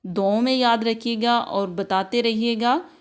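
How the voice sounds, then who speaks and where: A woman with an Urdu accent leads a Quran recitation lesson in a steady, patient teaching voice. She drills each letter sound three times over and slips English words into her explanations. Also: a little high, measured pace, clean tone. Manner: mixes Urdu with English words like next, practice, examples. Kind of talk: tajweed lesson with repetition drills.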